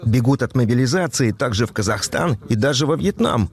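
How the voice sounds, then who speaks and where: A man narrating a news report as a voice-over in an even, measured delivery. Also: medium pitch, a little hiss or hum.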